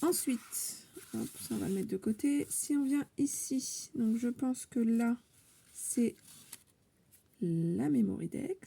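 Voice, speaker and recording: A woman with a fairly high but very dark voice, gravelly and husky, talks her way through a scrapbooking unboxing. She is chatty and hesitant, full of fillers, and sometimes sinks into a whisper. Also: expressive, takes it slowly. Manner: chatty, hesitant, with many fillers and soft asides; drops to a whisper now and then. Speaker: scrapbooking vlogger opening a contest entry. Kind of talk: casual unboxing chat.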